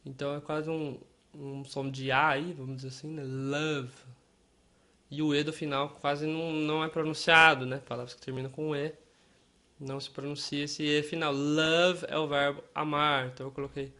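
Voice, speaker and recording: A man teaching English to Portuguese speakers in an online lesson, speaking slowly and repeating each word and example for learners. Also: on the high side, little pitch movement, sharp tone. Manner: slow and deliberate, repeating and spelling out words for learners.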